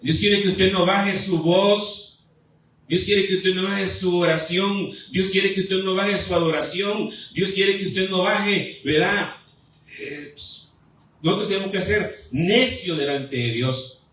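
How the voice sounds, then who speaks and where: A man preaching a fervent sermon in a church, his voice pitched high. He builds his appeals through repetition and pauses. The sound is very echoey, caught from some distance in the hall. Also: fairly bright tone. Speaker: pastor. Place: church sanctuary.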